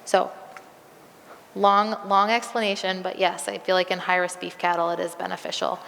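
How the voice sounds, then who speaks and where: A woman's voice: fairly low pitch, level tone, moderate pace, creaky, fairly bright tone, long reverb tail, slight background noise. A woman veterinarian answering audience questions at a live presentation, conversational with frequent ums, and losing her voice. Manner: conversational, many um fillers, practical.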